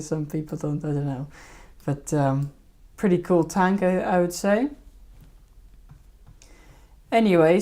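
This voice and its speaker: A woman's voice: deep voice, a little mellow. A woman hosting a fishkeeping live stream, rambling casually and hesitantly over her old videos. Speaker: fishkeeping channel host.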